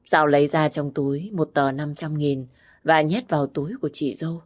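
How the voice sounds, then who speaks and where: A woman narrating a story in a plain, even storytelling manner. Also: low-pitched, normal speed. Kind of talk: storybook narration of a romance novel.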